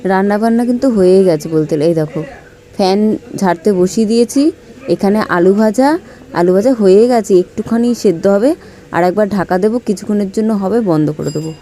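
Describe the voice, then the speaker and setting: A tired woman with a Kolkata Bengali accent, a mother chatting softly to her viewers at home, repeating herself and checking in with them. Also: mid-range voice, a little fast. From West Bengal, India. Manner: talks softly, repeats herself, asks "ঠিক আছে?". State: tired from no sleep. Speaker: vlogger, mother. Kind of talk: casual vlog chat to viewers. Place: home, kitchen and bedroom.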